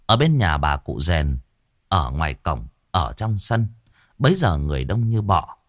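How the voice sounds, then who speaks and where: A man's voice: sits low, big pitch swings, unhurried, no room sound, clean studio sound. A man narrating a story expressively. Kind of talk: audiobook narration.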